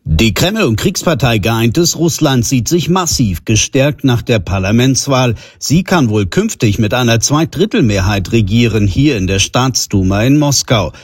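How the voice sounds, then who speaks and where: A man's voice: medium pitch, slightly rough, dry recording, clean studio sound. A man filing a serious scripted news report as a foreign correspondent.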